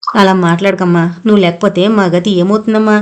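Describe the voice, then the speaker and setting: A woman's voice: mid-range voice, fairly even intonation, a little fast, a little mellow, natural voice. A woman voicing a proud, caring young married daughter who speaks earnestly and with feeling. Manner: earnest and emotional.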